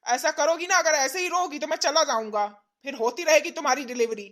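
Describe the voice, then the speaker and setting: A woman's voice: high-pitched, brisk, fairly bright tone. A woman voicing a brusque, rude male village doctor who scolds impatiently in a cartoon comedy. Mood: scolding.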